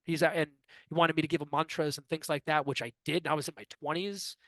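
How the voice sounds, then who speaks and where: A man's voice: on the high side, quick pace, no echo. A man in his fifties, a guest in an interview, telling a long personal story and acting out what others said. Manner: animated anecdotal storyteller who acts out quoted dialogue.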